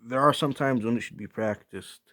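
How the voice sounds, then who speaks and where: A man giving a rambling, casual opinion talk as a solo vlogger, hesitant and often pausing to search for words. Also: medium pitch, bright, forceful tone.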